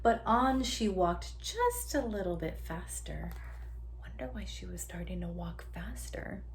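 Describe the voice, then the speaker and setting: In an unhurried, low-leaning voice, a woman teacher gives a lively read-aloud of a picture book for young children. She draws the sound words out and invites them to join in, and some background noise is audible.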